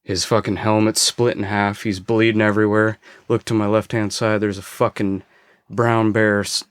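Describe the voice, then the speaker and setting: A man on a podcast, a former forest ranger, casually telling a story with frequent swearing and halting restarts. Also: on the low side, level tone, clean tone, no echo, clean studio sound.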